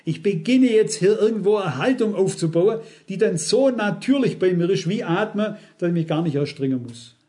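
Speaking at a moderate pace with hardly any pauses, a middle-aged man preaches in a high, mellow, animated voice. He's earnest and repeats phrases, often addressing the congregation directly with questions.

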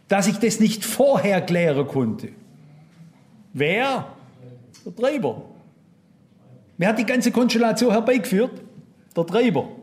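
High-voiced male preacher. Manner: asks the listeners many rhetorical questions; quotes and reads Bible verses aloud. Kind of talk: sermon to a congregation.

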